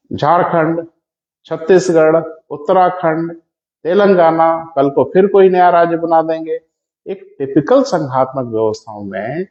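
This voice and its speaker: A male teacher giving a classroom lecture, calling his students "beta" and slowing down so they can take notes. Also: fairly high pitch, a little mellow. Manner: addresses students as "beta", dictating slowly. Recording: echoey dull classroom audio.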